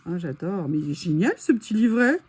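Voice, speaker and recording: A woman's voice: on the low side, big pitch swings, fairly quick, darkish tone, slightly rough. A French woman chatting enthusiastically through a stationery haul, gushing over each item and repeating her praise. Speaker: haul vlogger. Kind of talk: casual haul chat, reading quotes aloud.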